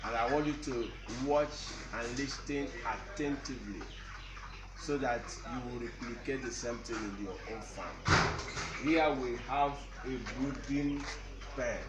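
A young man with a mid-range voice gives an on-site instructional walkthrough as a poultry farm instructor, speaking slowly and deliberately, step by step. He's indoors in a large tin-roofed poultry shed, filmed by a camera mic a few metres away. The echoey recording carries birds and farm ambience in the background.

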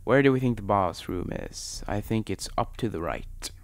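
A man's voice: fairly low pitch, animated, normal speed. A young man giving casual, self-mocking let's play commentary, swearing now and then at the game. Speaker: gaming channel host. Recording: game music loud behind the voice. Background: game music.

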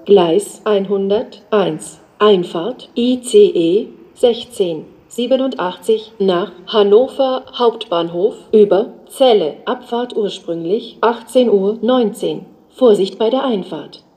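Slow, flat female platform announcer. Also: medium pitch, slight background noise. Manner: flat, measured, segmented delivery. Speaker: station announcer.

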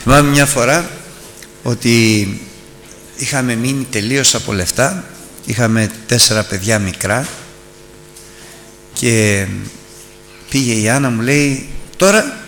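A man preaching in a church hall, his bright, forceful voice carrying a long reverb. He tells stories warmly, then slows down and builds for emphasis. A faint hum sits under the recording. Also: mid-range voice. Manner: storytelling, slowing down and rising for emphasis. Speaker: preacher teaching a Bible lesson. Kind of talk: sermon.

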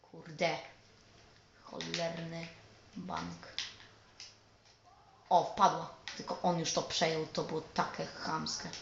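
A man commentating his own football video game match, excitable and swearing often at the game. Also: on the high side, takes it slowly, vocal fry, pauses often. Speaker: gamer. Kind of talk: let's play commentary. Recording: roomy, dull lo-fi recording with faint noise.

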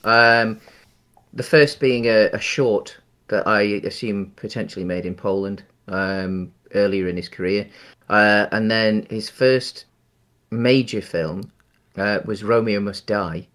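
Slow-paced, with a lowish and somewhat bright voice, a podcast co-host in his thirties chats about a film in casual discussion. He's at home in a small room on a video call with a headset, and his talk is hesitant, filled with ums and restarts.

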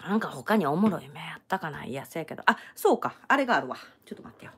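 A middle-aged woman with a Kansai accent, talking on a casual crochet live stream. Her voice sits a little low but rises and falls in wide, lively swings. She teases and jokes in a loose, chatty way. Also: rapid-fire, slightly rough. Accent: Kansai Japanese. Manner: chatty, teasing, joking banter. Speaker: crochet channel host.

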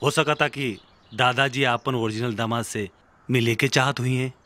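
An actor as a jovial scheming Bhojpuri don. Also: male voice, mid-range voice, steady tone, moderate pace, sharp tone, close to an everyday voice. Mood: coaxing. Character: scheming, jovial gangster boss. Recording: film soundtrack with background music.

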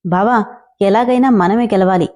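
A woman reading as a bubbly young girl, playful and pleading, kinda mellow tone. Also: mid-range voice, moderate pace, natural voice. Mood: excited.

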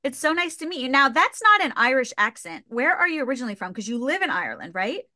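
Upbeat woman host in her 30s; bright, fairly high voice on a dry video call. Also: big pitch swings, fast talker, dry recording. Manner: upbeat, enthusiastic. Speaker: podcast host. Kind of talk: podcast interview. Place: small studio room.

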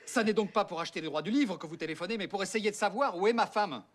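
A condescending, short-tempered man who is losing patience. He speaks fast with a slightly husky voice and talks down to his listener. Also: high-pitched. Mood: exasperated. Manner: exasperated, patronizing, husky. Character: impatient, condescending, well-off man.

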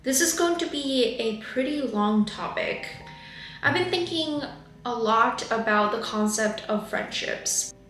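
In a roomy-sounding, low-quality recording with faint music behind her, a Chinese vlogger in her twenties reflects on her life to the camera from indoors at home. Her voice is fairly high, bright and animated at a measured pace, and she's candid, thoughtful and full of hand gestures.

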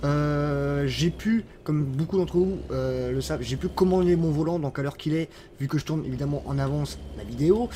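Chatty gamer, higher voice. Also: male voice, dark tone, slight background noise. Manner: chatty, rambling, many fillers and restarts; playful, jokey asides. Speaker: gaming YouTuber. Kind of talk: casual gameplay commentary.

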